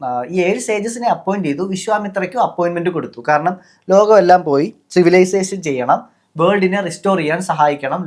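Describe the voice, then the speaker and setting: Podcast host, Malayali man, slightly high pitch, loose conversational delivery. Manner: chatty, mixes English words into speech, many fillers. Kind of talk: casual explanatory talk.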